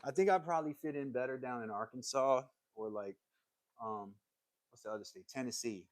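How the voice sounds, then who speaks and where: An American man speaks a little fast at medium pitch, with no echo, while hosting a laid-back woodworking stream from his workshop. He wanders from topic to topic and answers what viewers write in.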